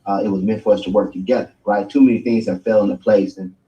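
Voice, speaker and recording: A middle-aged man, a grandfather, giving a motivational business pitch on a video call, peppering his talk with "right?" and "guys" and hoarse from losing his voice. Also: fairly even intonation, fast, mellow, lo-fi sound. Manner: hype, repeats "right?" and "guys".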